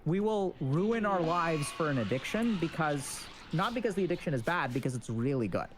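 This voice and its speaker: A man's voice: on the high side, lively intonation, moderate pace, a little hiss or hum. A man giving an informal explanatory talk in the manner of a clinician. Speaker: mental health clinician. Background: music.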